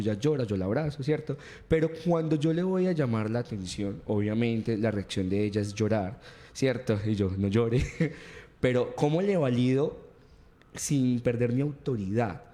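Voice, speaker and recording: A man co-hosts a talk show and asks earnest questions. His voice sits at an ordinary pitch with a dark, mellow tone. He keeps checking in with a repeated tag question. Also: moderate pace. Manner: earnest, restates points, uses tag question cierto. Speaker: co-host.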